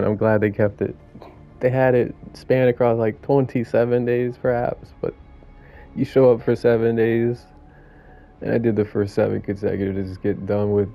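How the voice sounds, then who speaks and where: Gravelly, chatty male game streamer. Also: mid-range voice. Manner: rambling, chatty, laughs at himself. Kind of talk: casual gameplay commentary. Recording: muffled lo-fi audio, faint game music.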